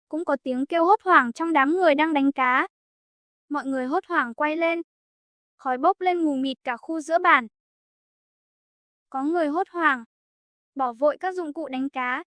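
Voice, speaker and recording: High-voiced woman reading a folk tale. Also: fairly bright tone, dry recording. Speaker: storyteller.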